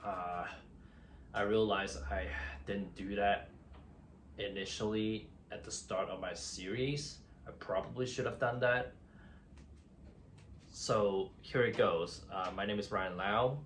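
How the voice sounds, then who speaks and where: A man's voice: fairly low pitch, steady tone, slow, a bit bright, slight background noise. A man in his thirties from Hong Kong, introducing himself to camera in a casual, hesitant way with many fillers and restarts. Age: 30s. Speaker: vlogger.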